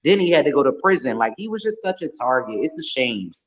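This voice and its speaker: A man's voice: medium pitch, sing-song, fast talker, dull audio. A man in a casual podcast chat, outspoken and blunt, who swears freely. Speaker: podcast guest or co-host.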